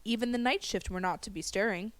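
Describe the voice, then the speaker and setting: A female storyteller tells a horror story with suspense, dropping to a hush at the tense parts. Her mid-range voice is clean in tone and she talks fast, with music behind her.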